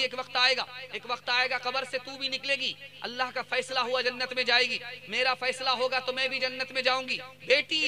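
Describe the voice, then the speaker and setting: A man voicing a gentle mother who gives earnest, repeated advice to her married daughter. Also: very high voice, exaggerated voice. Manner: earnest, repetitive counsel.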